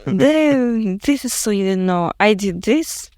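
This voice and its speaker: A woman from Russia with a Russian accent, speaking English as a second language and often pausing to search for words as an interview guest. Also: mid-range voice, animated, a little mellow, dry recording. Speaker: guest musician. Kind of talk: casual interview chat in English.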